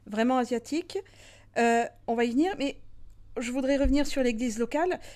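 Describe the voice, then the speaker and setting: Composed woman interviewer, somewhat high. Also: a little fast, a little mellow. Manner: clear, composed questioning with rephrasing. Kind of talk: radio interview questions.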